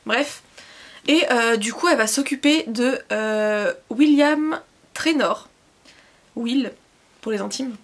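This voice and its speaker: A young woman reviewing books in a casual vlog, rambling and hesitant, full of fillers and self-corrections, and quick to poke fun at herself. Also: fairly high pitch. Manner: self-deprecating, laughs at herself. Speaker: book vlogger.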